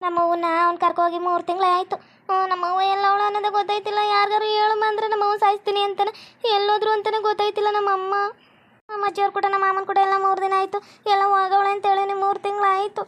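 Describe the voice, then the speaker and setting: A woman's voice: very high-pitched, completely flat delivery, fast talker, fairly bright tone. A woman with a North Karnataka Kannada accent playing a young village girl who misses her mother and pleads anxiously. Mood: pleading. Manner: fretful, pleading.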